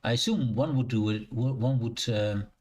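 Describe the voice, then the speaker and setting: A man's voice: mid-range voice, moderate pace, darkish tone. A young Dutch man with a Dutch accent, chatting casually with his live-stream chat from a shared living room, rambling and correcting himself as he goes. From Netherlands.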